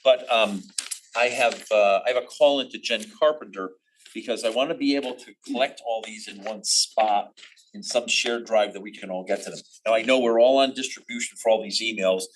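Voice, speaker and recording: Male commission chair, lowish voice, halting delivery full of ums, municipal meeting. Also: slight background noise, rough recording. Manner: halting, many ums and restarts. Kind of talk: public meeting.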